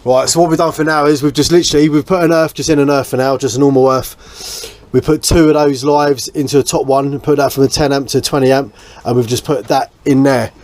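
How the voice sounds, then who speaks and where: A British man hosts a boat restoration vlog, thinking aloud casually as he works hands-on on a small boat. He talks fast with few pauses, in a steady, darkish tone. Noisy ambient sound and an engine-like rumble fill the recording.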